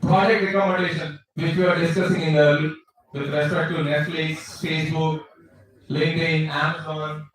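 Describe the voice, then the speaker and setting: A man's voice: a little high, level tone, normal speed, fairly bright tone. A man with a South Indian accent giving an instructive slide lecture, often checking that listeners follow. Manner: instructive, checks understanding with short tags. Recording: very echoey room, distant microphone.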